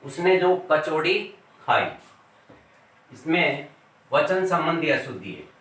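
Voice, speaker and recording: A man teaching a grammar lesson in a slightly high voice. He speaks slowly and deliberately and repeats each word as he writes on the board. He is picked up by a camera well back in an echoey classroom. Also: big pitch swings, fairly bright tone, far from the mic. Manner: slow, deliberate, repeats words while writing on a board.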